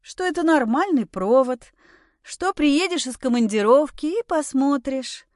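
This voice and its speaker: A woman voicing a weary, cool-headed woman of forty-two who speaks calmly and coldly. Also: high-pitched, measured pace, no room sound, studio quality, pitched above the performer's own voice. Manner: calm, weary, cold.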